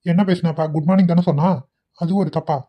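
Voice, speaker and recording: A woman voices a young cartoon husband, using a deep, low, steady, natural-sounding voice to snap out quick, curt lines in an irritated mood. The character is blunt and short-tempered and scolds more than he talks. The audio is a little dull and lo-fi.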